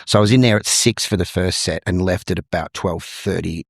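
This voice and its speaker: An Australian man with a fairly low voice recounts his stage career in a relaxed interview. He talks in long anecdotal runs, often restarting and repeating words. The recording is dry and close, with no room sound. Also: a little fast, gravelly, slightly rough, no room sound. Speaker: guest, musical theatre performer and vocal coach. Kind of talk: casual interview storytelling.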